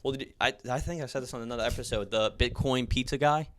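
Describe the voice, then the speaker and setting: A man's voice: mid-range voice, fast, fairly bright tone. A man with an American accent co-hosting a podcast, explaining and talking over others in casual chat. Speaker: podcast co-host.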